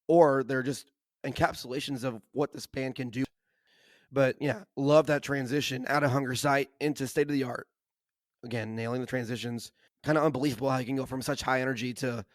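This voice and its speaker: Hoarse guy cohosting a podcast, lost his voice, rambly and excited, dry close sound. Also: medium pitch, no echo. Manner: enthusiastic, uses lots of "like" and "kinda". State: hoarse from laryngitis. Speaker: podcast co-host. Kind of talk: casual chat.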